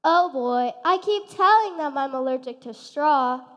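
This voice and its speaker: A woman's voice: sits high, animated, a little slow, a bit bright. A woman playing an anxious little pig with allergies in a stage play, speaking in a fretful, hypochondriac manner. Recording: stage in a reverberant hall.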